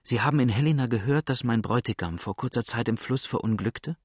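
A man reading the part of a frightened, grieving young woman in an audiobook, speaking softly and anxiously. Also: mid-range voice, quick pace, husky, dry recording, studio quality, natural voice. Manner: soft, anxious and hushed.

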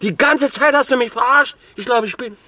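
An actor playing a touchy, beer-drinking buddy in a radio drama, crude and blustering, quick to take offense. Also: male voice, very high voice, sharp tone, no room sound, heavily acted. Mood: indignant.

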